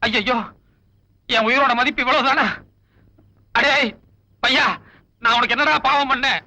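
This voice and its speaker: An actor playing a cheeky, wisecracking bank thief in 1990s film dialogue, joking and mixing in English. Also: male voice, very high voice, steady tone, unhurried, sharp tone, exaggerated voice, low-quality recording. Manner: joking, teasing, mixes in English.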